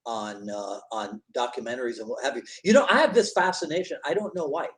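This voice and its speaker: A man's voice: mid-range voice, a little fast. Easygoing man. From Barbados. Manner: easygoing, agreeable, frequent affirmations. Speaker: podcast host. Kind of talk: casual conversation.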